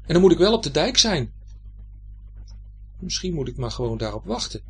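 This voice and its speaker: A man's voice: big pitch swings, moderate pace, fairly bright tone, slight background noise. A man voicing a small boy lost in fog on the mudflats, anxious and grumbling. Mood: worried. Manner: anxious, grumbling, turns shrill and cross.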